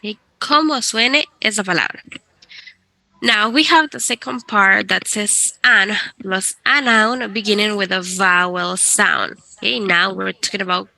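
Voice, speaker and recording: A woman's voice: mid-range voice, takes it slowly, vocal fry, bright, forceful tone, no echo. A woman teaching an English class in Spanish, patiently explaining grammar rules step by step and switching between Spanish and English.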